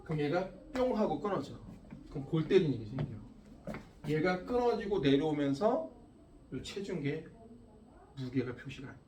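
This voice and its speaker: Cram-school teacher, male, lively rising voice, blunt and crude, heard from across an echoey classroom. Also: a little high, normal speed, pauses often, recorded from a distance, slight background noise. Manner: blunt, scolding, coarse and emphatic, constantly checking with students. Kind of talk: classroom lecture.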